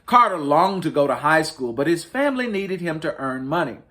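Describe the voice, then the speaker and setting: Expressive man reading a children's storybook, lively pitch. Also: moderate pace. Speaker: children's storybook reader, host. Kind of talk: expressive picture book read-aloud for families.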